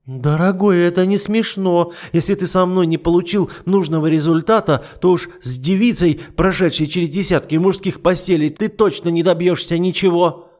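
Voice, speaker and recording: A man voicing a shrill, hysterical noble duchess in an audiobook, who wails and pleads. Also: normal speed, hardly any pauses, a little mellow, natural voice. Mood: indignant. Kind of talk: audiobook character voice.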